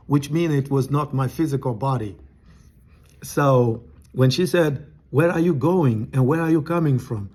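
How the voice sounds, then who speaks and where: A man's voice: medium pitch, darkish tone, husky. Earnest man telling a testimony. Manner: earnest, halting with restarts and fillers; eating while talking. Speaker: testimony speaker. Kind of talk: personal testimony storytelling.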